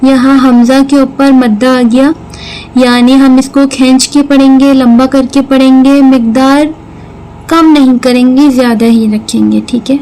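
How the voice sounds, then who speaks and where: A woman's voice: sits high, steady tone, a little slow, dark tone, slight background noise, poor audio. A woman teaching Quran recitation, patiently explaining each sound step by step and repeating words. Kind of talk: slow tajweed lesson with recitation.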